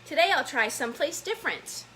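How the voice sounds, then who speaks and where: A woman's voice: high voice, animated, a little fast, pushed and bright, faint music behind. A woman reading a curious little storybook character. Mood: musing. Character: curious little male character seeking a cozy spot.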